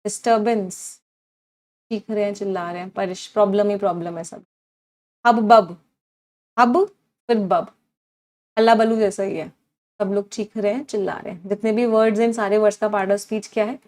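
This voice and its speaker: A woman's voice: medium pitch, fairly even intonation, normal speed, pauses often, a little mellow. A woman teaching an online English vocabulary class, repeating her cues and asking her students questions. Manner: drills words aloud with repeated cues, asks students questions.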